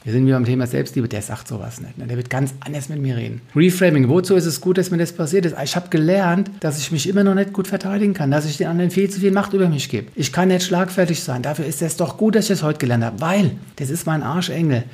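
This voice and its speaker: A man's voice: a little high, quick pace, few pauses, a little mellow. A man coaching on handling conflict, talking bluntly and colloquially, often tagging his points with a questioning "ne?". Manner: colloquial, blunt, with frequent "ne?" tags. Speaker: communication coach.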